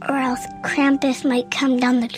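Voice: sits high, completely flat delivery, moderate pace, faint music behind. A young host narrating a scary story for kids, dramatic and dropping into whispers for the creepy parts.

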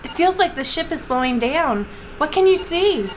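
A woman voicing an excitable, dizzy sidekick with breathless, melodramatic damsel delivery. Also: sits high, moderate pace, a little hiss or hum, poor audio. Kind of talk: parody radio-play acting. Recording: music bed under voice.

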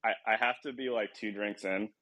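A young man with a lowish voice talks casually as a podcast host. He rambles, pokes fun at himself and laughs a lot. The sound is close and dry, and he seems a bit worn out. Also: steady tone, a little fast, sharp tone, no echo, dull audio. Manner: rambling, self-deprecating, laughs often. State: tired. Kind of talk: casual chat.

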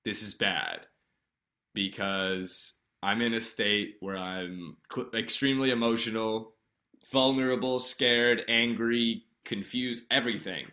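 A man recounting a personal story in a candid, earnest voice that sits a little low yet rings bright and forceful. He halts often, circling back through fillers and restarts as he works through the memory. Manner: halting, many fillers and restarts.

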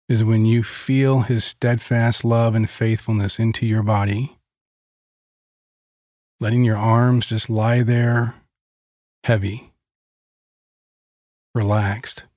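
Slow, calm man guiding a meditation. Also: lowish voice, no room sound, clean studio sound. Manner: slow, calm, deliberate with long pauses. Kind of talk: guided meditation with Bible teaching.

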